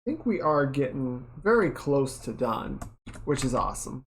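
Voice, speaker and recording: A woman's voice: rumbling low, normal speed. A woman art streamer chatting casually and muttering to herself while she draws. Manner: relaxed, mutters while working. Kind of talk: casual chat while drawing.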